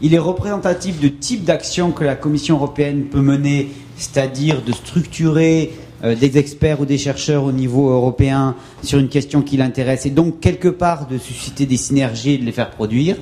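A man giving a brisk, explanatory seminar presentation. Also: medium pitch, dark tone, slight background noise. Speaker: conference presenter.

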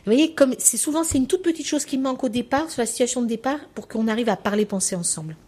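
A woman with a fairly high, husky, darkish voice talks quickly while lecturing on how children learn to speak. Her style is chatty and full of anecdotes, and she keeps returning to "hein" and "voilà".

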